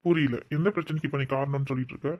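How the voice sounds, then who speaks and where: A woman's voice: rumbling low, fairly even intonation, very fast, lo-fi sound. A woman voicing a persistent, affectionate young man in a cartoon. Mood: firm. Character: young man, devoted and playful suitor. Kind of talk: cartoon voice acting.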